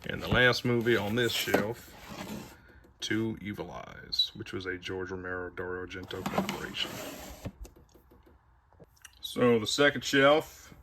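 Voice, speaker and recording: Dude rambling thru his movie shelves, kinda low voice, breathing heavy, bit of hiss in the room. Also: unhurried, long pauses. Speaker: video collector showing his shelves. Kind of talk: casual collection tour.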